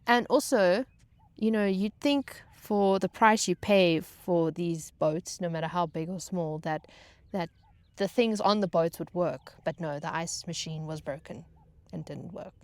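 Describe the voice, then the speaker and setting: Speaking at a measured pace in a lowish, somewhat dark voice with no echo, a woman shares a funny personal tale with her viewers. She once worked on yachts and now vlogs stories, delivering this one dramatically and self-deprecatingly, with repeated phrases for emphasis.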